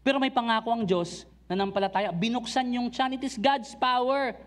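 High-pitched man preaching a sermon. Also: fairly even intonation, moderate pace. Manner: calls out to the congregation with rhetorical questions; dramatic, swings between loud urging and low intensity. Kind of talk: sermon mixing Tagalog and English. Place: church service.

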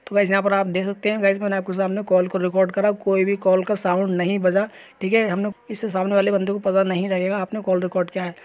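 Over a recording of his phone screen, a man with a high-sitting, a little mellow voice guides viewers through a tutorial at a quick clip. His delivery stays flat, and he keeps repeating things and saying "guys."

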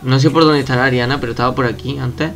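A young man giving casual, excitable commentary over his own gameplay at home, swearing and shouting at opponents. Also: medium pitch, quick pace, gravelly, soft background music. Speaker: gaming youtuber.

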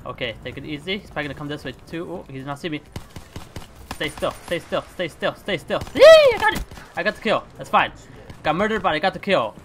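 A young man hosting his gaming channel, chatting casually and reacting out loud as he plays. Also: a little high, quick pace. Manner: excitable, chatty, swings between hushed focus and loud outbursts. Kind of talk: casual gameplay commentary.

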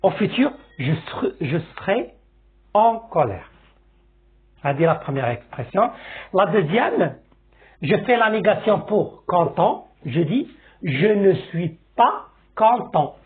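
A man with a Moroccan accent teaching a French lesson, explaining slowly and repeating examples, often checking that his listeners follow. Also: high-pitched, big pitch swings. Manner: slow, repetitive classroom explaining with checks like "c'est bon?". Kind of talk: language lesson. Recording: tinny phone-like sound.

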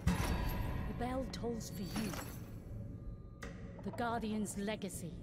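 Actress for a grave, vengeful older female kung fu master, video game drama, slow delivery, loud music. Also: medium pitch, steady tone, natural voice. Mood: grave, judging. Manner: slow, grave, solemn pronouncements.

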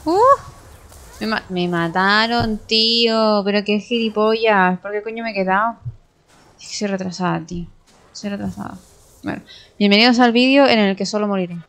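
A young woman with a Spain Spanish accent commentating her own gameplay, excitable, swearing and talking to herself as she plays. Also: mid-range voice, normal speed, clean tone. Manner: excitable, swears and talks to herself while playing. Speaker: gaming streamer.

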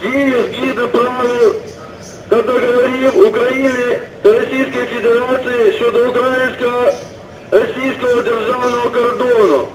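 A man acting as a ship's radio operator, giving a measured, formal report over a marine radio transmission. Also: extremely high pitch, steady tone. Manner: measured, official radio procedure. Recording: noisy, echoey, distant marine radio.

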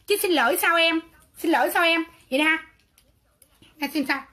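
High, sharp-voiced Southern Vietnamese woman. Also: fast. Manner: defiant, sarcastic, quarrelsome. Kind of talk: livestream rant.

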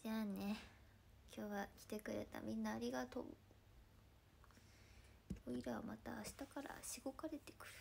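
A woman in her twenties from Ibaraki, Japan, hosting a casual livestream chat in a chatty, playful way, often dropping into soft murmured asides. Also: a little high, normal speed, vocal fry, long pauses, a little hiss or hum. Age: 20s. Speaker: idol livestream host.

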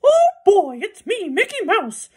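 A man's voice: very high voice, wildly swooping pitch, unhurried, voice pushed up, heavily acted. A man voicing a cheerful yet menacing cartoon mouse. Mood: chirpy, menacing.

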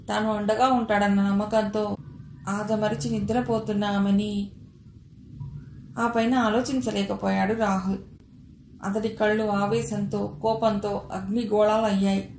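Woman narrating a thriller audio novel. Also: mid-range voice. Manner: dramatic, expressive reading. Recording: roomy echo, faint hiss.

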